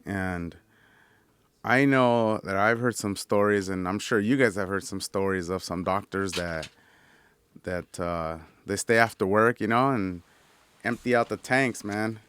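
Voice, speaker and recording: A man's voice: lowish voice, unhurried, fairly bright tone, clear, resonant tone, low-quality recording. A man hosting a casual chat, rambling loosely with lots of fillers and restarts. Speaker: channel host. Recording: hissy background noise.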